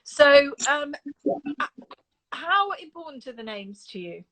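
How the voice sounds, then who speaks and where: High-voiced woman interview host. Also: sing-song, a little slow, fairly bright tone, no room sound, rough recording. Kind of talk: casual interview.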